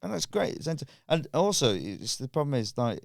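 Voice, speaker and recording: Man, lively swinging pitch, swears a lot, dry close sound. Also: brisk, gravelly, no echo. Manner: swears freely, animated, laughs often. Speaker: guest comedian. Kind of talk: casual podcast chat.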